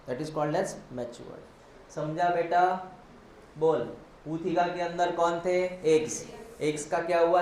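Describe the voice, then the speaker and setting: Male biology teacher, slightly high voice, quizzing lecture style, echoey classroom with faint noise. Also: a little mellow. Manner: explains step by step, quizzing students and answering himself; mixes Hindi with English terms, spells words out.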